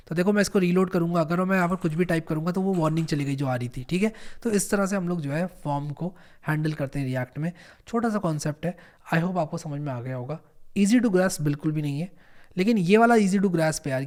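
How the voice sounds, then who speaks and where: A young man teaching programming in a casual, encouraging screen-recorded tutorial, repeating points and coaxing the viewer along. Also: on the high side.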